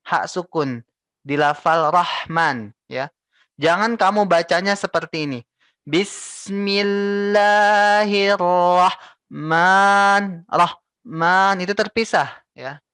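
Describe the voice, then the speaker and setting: A young man teaching Quran recitation, patiently repeating and modelling each syllable slowly. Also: fairly high pitch, a bit bright, dry recording. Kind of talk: tajweed lesson with recited examples.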